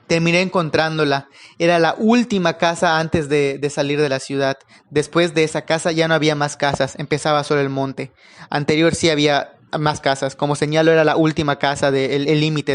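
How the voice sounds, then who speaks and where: A man telling a first-person horror story, in a calm, unhurried manner with occasional pauses. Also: fairly high pitch.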